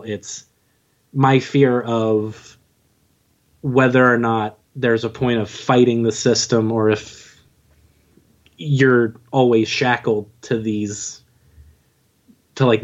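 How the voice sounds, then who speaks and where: Appearing as a podcast guest, a man in his twenties who writes and narrates audio dramas speaks in a relaxed, modest, informal way. His medium-pitched voice is a little mellow, and the sound is lo-fi.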